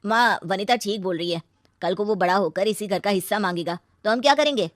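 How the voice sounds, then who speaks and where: A woman's voice: medium pitch, brisk, noisy background, natural voice. A woman voicing a young husband who defends his wife in a cartoon story. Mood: defensive.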